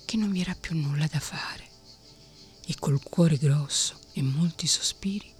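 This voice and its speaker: A woman reading a bedtime fairy tale in a soft whispered role-play. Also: deep voice, measured pace, faint music behind. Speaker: bedtime storyteller.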